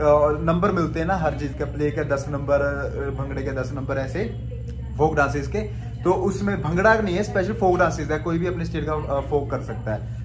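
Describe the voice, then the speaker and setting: A man in his thirties chatting casually in a family vlog, explaining things at length. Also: fairly high pitch. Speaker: vlogger.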